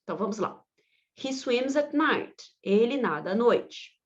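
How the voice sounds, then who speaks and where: Uma professora brasileira ensina inglês em uma aula online. Sua voz é um pouco mais aguda que a média, e ela explica devagar, soletrando letras e repetindo exemplos. A gravação soa um pouco abafada e de baixa fidelidade. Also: female voice, fairly high pitch, lively intonation, dull audio. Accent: Brazilian Portuguese. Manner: patient, explanatory, spells out letters and repeats examples slowly. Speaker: English teacher. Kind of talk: online grammar lesson.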